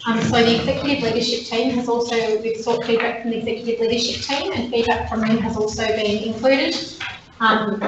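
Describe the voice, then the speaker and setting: An Australian woman council officer presenting a report at a meeting, hoarse and wavery as she loses her voice, halting with many fillers. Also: on the high side. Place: council chamber. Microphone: desk microphone from a distance. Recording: echoey, distant, dull, noisy room recording.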